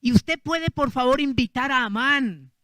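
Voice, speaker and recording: Una reina joven y temerosa que ruega con emoción, en una voz aguda y brillante, como la interpreta un predicador. El sonido es seco y cercano. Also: male voice, very high-pitched, unhurried, bright, forceful tone, dry recording, studio quality, pitched above the performer's own voice, heavily acted. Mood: pleading. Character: frightened young queen, pleading.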